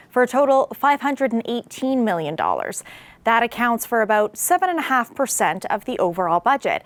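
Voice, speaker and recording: A woman anchoring an evening news broadcast, reading a scripted report in a steady, clear manner. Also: a little high, no echo.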